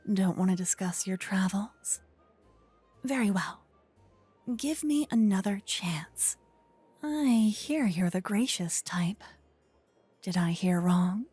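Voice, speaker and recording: In a scripted fantasy ASMR roleplay, a woman plays a flirtatious, witty royal tailor, breathy and often whispering, with a refined, teasing, gossipy manner that turns flustered and coaxing. She's close to a binaural microphone. Her voice is medium-pitched and mellow, with no room sound.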